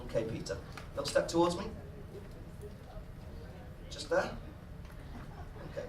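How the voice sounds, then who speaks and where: A man's voice: on the high side, expressive, a little slow. A man performing as a stage mind reader, commanding and intense with a wry, dry humour, delivering live magic show patter. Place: stage in a live venue with audience. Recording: noisy echoey live venue, distant mic.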